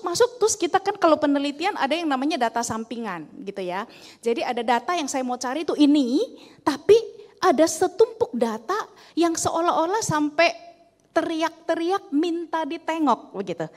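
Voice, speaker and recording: A middle-aged woman, giving a lively, chatty talk about a book to a church class, with many fillers and repeats. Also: sits high. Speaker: guest speaker at a church couples' class.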